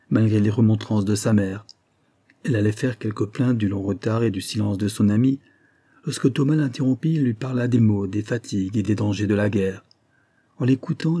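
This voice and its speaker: A man narrating a classic novel as an audiobook, reading in a measured, steady way. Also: mid-range voice, husky.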